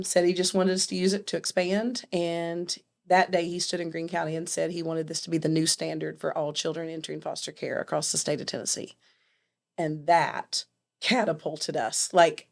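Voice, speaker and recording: Woman guest telling stories, animated, bit low in pitch, acts out what people said. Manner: lively, acts out dialogue, quick asides. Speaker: nonprofit founder, guest. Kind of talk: animated storytelling.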